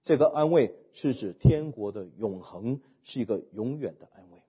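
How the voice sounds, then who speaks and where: A man delivering a sermon in a slightly husky voice with an animated, rising and falling pitch. He leans on his key phrases, poses rhetorical questions, and lets his lines drop softly at the end. The recording sounds dull and lo-fi. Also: moderate pace. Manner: emphatic preaching with rhetorical questions, trailing off softly at phrase ends. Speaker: pastor.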